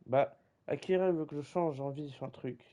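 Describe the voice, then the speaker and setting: A man's voice: fairly high pitch, normal speed, warm tone, dull audio. A young man streaming a football game live, chatting casually in slang and teasing his viewers. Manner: slangy, teasing, keeps saying "gros". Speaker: streamer running a football league. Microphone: desk microphone.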